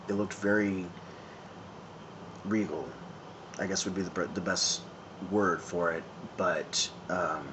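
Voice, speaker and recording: A man in his thirties talking casually to a phone camera outdoors, smoking, with many pauses and restarts. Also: deep voice. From San Francisco, California. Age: 30s. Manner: halting, many ums and restarts, conversational. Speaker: vlogger. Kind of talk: casual rambling monologue. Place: outdoors in town, evening. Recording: phone video with clear background noise.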